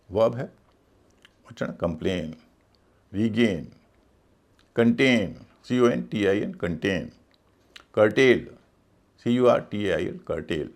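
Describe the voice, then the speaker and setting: A man gives a video lesson on English pronunciation. His voice has a gravelly edge and swings widely in pitch. He talks slowly and with care, spelling words out letter by letter.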